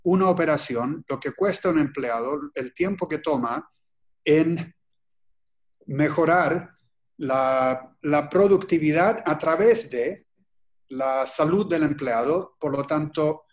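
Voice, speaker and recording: A Chilean man appears as guest presenter in a webinar on a video call. His voice sits on the high side, and he talks in a halting, deliberate way, pausing and restarting often.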